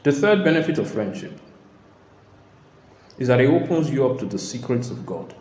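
A man's voice: medium pitch, big pitch swings, moderate pace. Emphatic male preacher in an echoey hall. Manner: emphatic, bursts into shouting and laughter. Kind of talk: sermon.

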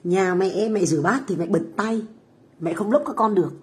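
Her voice is mid-range and her speed normal. She is a middle-aged Vietnamese food stall owner who hosts livestreams in her home kitchen abroad, chatting casually and brashly with viewers while cursing and needling them.

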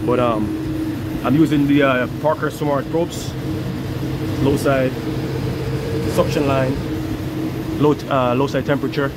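An HVAC technician films himself next to a commercial rooftop AC unit for a casual on-the-job vlog, with loud machine noise behind him. His mid-range voice is steady and unhurried, and he chats with viewers, pausing often, repeating himself and restarting lines.

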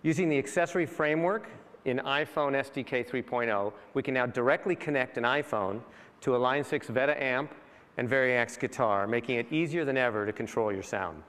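A man of medium pitch walks through a rehearsed product demo at a steady pace. His voice rings with the long reverb of a large conference hall. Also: a little fast. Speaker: guest presenter.

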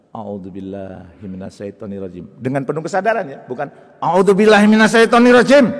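A man giving a lively religious talk to an audience, jumping between loud high bursts and soft low asides and acting out little scenes. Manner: jokes and acts out little scenes. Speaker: preacher and motivational speaker. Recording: long hall reverb.

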